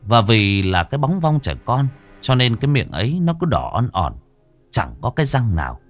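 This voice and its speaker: A man's voice: mid-range voice, big pitch swings, normal speed, soft background music. A man telling a ghost story, dramatic and vivid with earthy humor.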